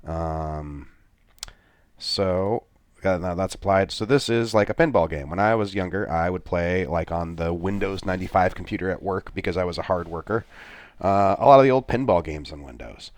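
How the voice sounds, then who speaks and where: A middle-aged gaming video creator with a soft-spoken, very low voice gives gameplay walkthrough commentary at a moderate pace. He rambles, with filler sounds and self-deprecating asides. The recording is dry, with no room sound.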